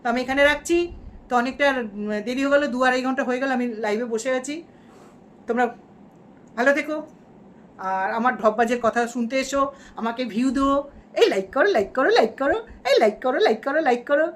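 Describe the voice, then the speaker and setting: A woman's voice: high voice, a little fast, long pauses, slight background noise, lightly acted. A woman playing a boastful, shameless female vlogger villain who gloats in mock-defiant rants during a parody livestream. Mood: mock farewell.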